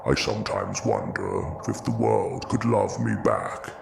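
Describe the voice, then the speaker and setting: A man playing Frankenstein's monster, a bitter, grieving, philosophical creature, in an audio drama with slow, brooding, gravelly speech. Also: huge pitch swings, heavily acted. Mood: wounded, yearning. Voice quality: deep, gravelly. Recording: clearly noisy background ambience.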